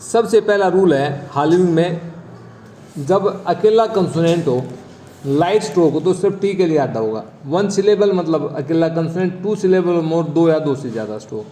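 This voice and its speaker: A man's voice: on the high side, expressive, brisk, hardly any pauses, mellow. A man teaching a shorthand class, explaining each rule and then calling out example words one by one for dictation. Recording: echoey room with faint background noise.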